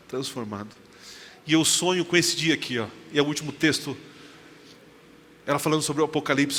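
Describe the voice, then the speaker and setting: A middle-aged man with a Brazilian Portuguese accent, preaching a sermon with lively storytelling and joking asides to the congregation. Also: fairly high pitch. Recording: reverberant hall, faint background noise.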